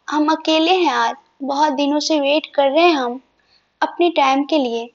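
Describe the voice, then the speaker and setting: Tender teasing young husband, read by a woman storyteller, high voice, dull recording. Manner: tender, coaxing.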